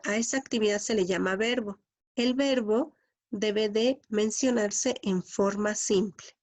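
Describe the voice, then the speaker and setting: Woman, English teacher, patient lesson, repeats key words, slow delivery. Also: fairly high pitch, darkish tone.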